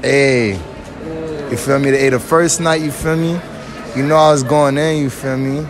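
A man's voice: mid-range voice, fairly even intonation, normal speed, music in the background. A young man being interviewed in a shopping mall, bragging and saying "you feel me" over and over. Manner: boastful, repeats "you feel me".

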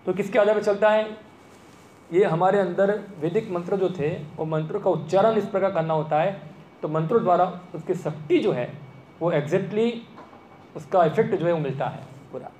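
Guy giving a talk, fairly high voice, roomy echo and faint hum behind. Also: normal speed, darkish tone. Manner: conversational, asks the audience questions. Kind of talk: lecture to an audience. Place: temple hall. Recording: echoey room with faint ambience.

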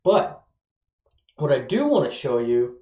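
A man's voice: mid-range voice, sing-song, unhurried, dark tone. A man in his thirties giving a casual, enthusiastic screencast tutorial as an instructor, his speech slightly slurred as if numb from the dentist. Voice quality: slightly slurred, numb-mouthed from dental work. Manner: enthusiastic, informal. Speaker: web development course instructor. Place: small indoor room with bare walls. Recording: roomy, echoey indoor sound.

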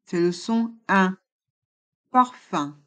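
A woman's voice: medium pitch, expressive, very slow, sharp tone, highs cut off. A woman teaching French pronunciation, sounding out vowels and words one by one and repeating them for learners. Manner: switches between French and English explanations. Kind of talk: slow, careful pronunciation lesson.

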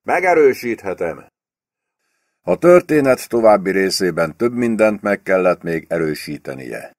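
A man reading a novel aloud as an audiobook in a steady, expressive way. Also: sits low, no room sound, clean studio sound. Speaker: audiobook reader. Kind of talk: audiobook narration.

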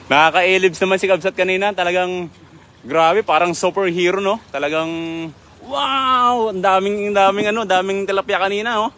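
A young man runs a live fishing stream outdoors beside a river, chatting politely and greeting viewers by name as he talks into a handheld phone. His voice is high, bright, and forceful, with a little hiss or hum in the audio.

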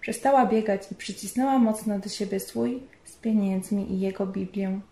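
A woman narrating a story in a measured, storytelling manner. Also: mid-range voice, fairly even intonation, dark tone. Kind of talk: scripted narration. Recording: roomy echo.

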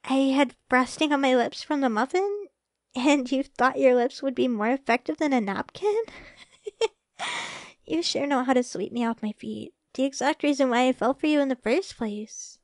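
A woman acts a sweet, shy girlfriend in a romantic ASMR roleplay, using a high, young-sounding female voice recorded close and dry at a moderate pace. She's affectionate and easily flustered, speaking softly and hesitantly and stammering when embarrassed.

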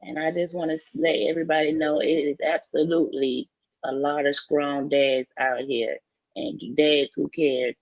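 A woman's voice: low voice, steady tone, moderate pace, dry recording. A woman calling in to a livestream, talking emotionally and hesitantly, heard over muffled lo-fi call audio. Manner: emotional, hesitant, restarts words. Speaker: caller on a livestream. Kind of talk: casual heartfelt chat.

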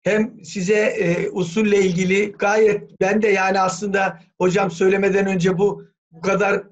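A man's voice: high-pitched, level tone, moderate pace. A man speaking as a language scholar in an academic meeting, talking thoughtfully with many hesitations. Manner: thoughtful, hesitant, frequent "e" fillers, spells words letter by letter. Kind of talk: academic discussion on a video call. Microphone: video call. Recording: dull lo-fi video call audio.

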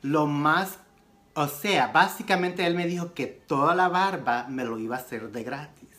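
A man telling a personal story in a casual makeup vlog, animated and mixing in English phrases. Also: moderate pace. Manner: animated retelling with sudden pitch jumps. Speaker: beauty vlogger.

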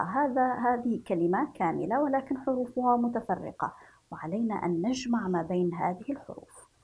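A breathy woman from Yemen gives a children's reading and writing lesson. She stretches each word out slowly, syllable by syllable, in a steady mid-range voice. She speaks like a patient classroom teacher. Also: medium pitch, poor audio. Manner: slow, drawn-out syllable-by-syllable reading for young pupils.

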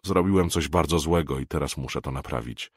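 A man voicing a guilt-ridden man who speaks hushed and breathless over the phone in an audiobook. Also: very deep voice, a little fast, husky, no room sound, clean studio sound. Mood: remorseful.

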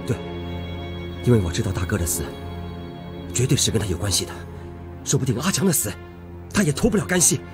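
A man's voice: medium pitch, sing-song, brisk, pauses often, close to an everyday voice. A man playing a troubled, stubborn village man who talks tensely, in a TV drama. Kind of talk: TV drama acting. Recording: drama audio with music underneath.

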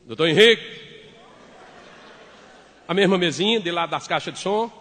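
A man's voice: high-pitched, quick pace, fairly bright tone, breathy edge. A male comedian telling a comic story on stage, theatrical and jumping between voices. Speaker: stand-up comedian. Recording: live stage show with long hall reverb.

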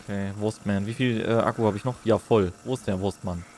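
A man's voice: on the low side, steady tone, a little fast, a little mellow, a little hiss or hum. Rambling man streaming a game. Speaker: livestreamer, gamer. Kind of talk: casual live gaming commentary.

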